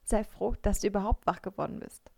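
Woman reader playing a teasing teen schoolgirl, mid pitch, dry close recording. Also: fairly quick, creaky, darkish tone, no room sound. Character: cheeky teenage schoolgirl, best friend.

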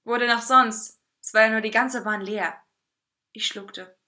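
A woman reading a first-person story aloud in a lively, playful way. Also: on the high side, normal speed. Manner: lively, playful narration with voices.

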